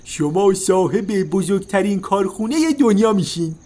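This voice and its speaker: A man's voice: high voice, warm tone, voice pushed up. A man voicing an eager pink demon from a magic lamp who talks about himself in the third person. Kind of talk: storybook narration.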